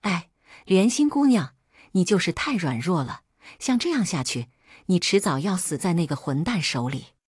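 A woman's voice: fairly low pitch, sing-song, normal speed, darkish tone, slightly rough, dry recording, studio quality, heavily acted. A woman storyteller voicing an earnest young servant hero. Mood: urging. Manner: earnest, urging and indignant. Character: kind-hearted young male servant, brave and earnest.

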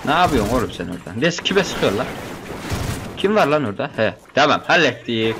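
Excitable young man commenting on gameplay. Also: mid-range voice, brisk, noisy background. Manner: excitable, joking, banters with game characters.

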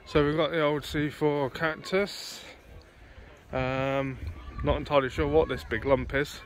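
A man's voice: on the high side, steady tone, a little slow, slight background noise. A British man giving casual, matey, off-the-cuff commentary as a vlogger, recorded outdoors on a handheld phone. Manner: chatty, matey. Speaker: car show vlogger. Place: outdoors on a grassy car show field.

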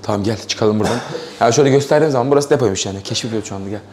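A young man vlogging as he explores a dark store, talking in a low, playful hush to the camera. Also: very fast, a crowd in the background. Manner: low hushed narration, playful. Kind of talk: hushed exploring vlog.

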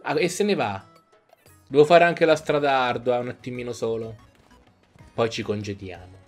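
A man's voice: mid-range voice, fairly even intonation, moderate pace. A young man giving jokey, casual commentary while playing a video game, sometimes reading game lines aloud in playful voices. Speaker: gaming YouTuber. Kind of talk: casual let's-play commentary. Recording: faint game music behind.

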